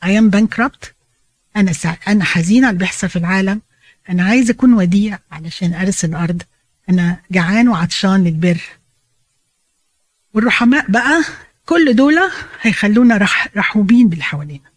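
Fast-talking Egyptian woman teaching the Bible. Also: medium pitch, animated, no room sound. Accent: Egyptian Arabic. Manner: explains in a chatty way, mixing in English phrases.

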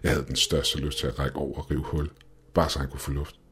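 Man, horror story narration, extremely low voice, slow, measured, grim. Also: level tone, fairly bright tone, slight background noise. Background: faint music.

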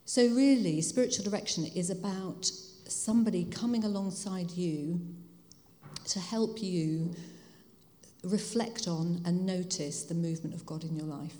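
A woman's voice: on the low side, measured pace, warm tone. A mature woman with a Home Counties English accent, speaking reflectively and conversationally as an interview guest, explaining things to an audience. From Hertfordshire, England. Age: 50s or older. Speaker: guest speaker, spiritual director. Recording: reverberant hall.

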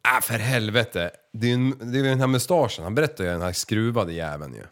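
A man's voice: lowish voice, lively intonation, a bit bright. A man hosting a casual podcast quiz, reading out odd words, swearing often and stumbling over his words. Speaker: podcast host. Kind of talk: casual chat, quiz game.

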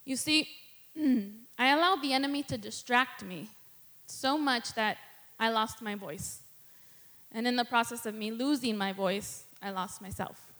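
A middle-aged woman serving as guest preacher gives a candid personal testimony sermon from the pulpit, nervous and laughing between thoughts. Her voice is a little high and fairly bright, at a measured pace.

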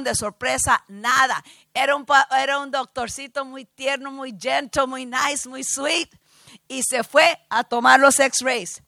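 High, gravelly woman preaching her testimony. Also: no room sound, studio quality. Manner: emphatic, often bursting into shouted praise; mixes in English words. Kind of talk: animated testimony sermon.

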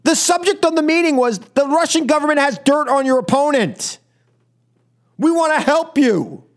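On his political talk radio show, this American male host mixes opinion monologues with caller talk. His very high voice has lively intonation at a normal speed, and his delivery is emphatic and exasperated, full of repetition and rhetorical questions.

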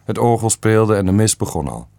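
A man narrating a family story in a calm, measured reading. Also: on the low side, no echo.

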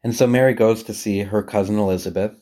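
In the role of a priest, a man guides listeners through a meditation on scripture, reading and reflecting. His voice sits lowish, soft at the edges and relaxed, and he speaks gently with long pauses between phrases, never hurrying.

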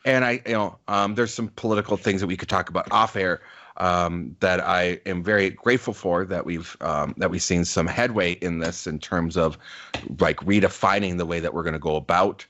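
During casual podcast chat, the forty-something co-host speaks earnestly and reflectively, filling his talk with fillers. The audio is lo-fi, and his low voice sounds a bit bright at normal speed.

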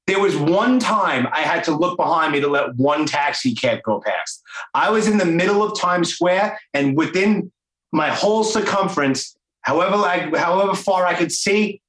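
The interview host, a man in his forties, sounds high-pitched, animated and a bit bright at normal speed. He keeps the casual chat loose and eager, packed with fillers, in a roomy, echoing recording.

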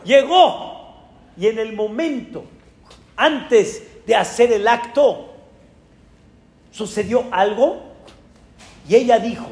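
A man with a Mexican accent, a rabbi telling a story in a sermon with animated, dramatic exclamations. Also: high-pitched, slow, pauses often, roomy sound, big-room sound.

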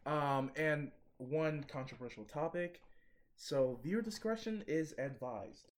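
A man's voice: on the high side, takes it slowly. A young man with a strong lisp, chatting and bantering casually on a podcast. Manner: laughing, bantering. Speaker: podcast co-host. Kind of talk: casual chat.

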